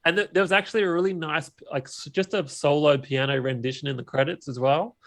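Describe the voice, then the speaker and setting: Male co-host, somewhat high voice, keen and chatty, keeps the talk moving. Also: fairly even intonation, quick pace, fairly bright tone. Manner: enthusiastic, steers the conversation, laughs while talking. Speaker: podcast co-host. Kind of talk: casual chat about a film.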